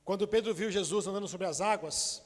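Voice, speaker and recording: High-voiced preaching pastor in echoing hall. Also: male voice, fairly quick. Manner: impassioned preaching, swinging between loud declarations and hushed, intimate asides. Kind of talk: sermon. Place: church sanctuary.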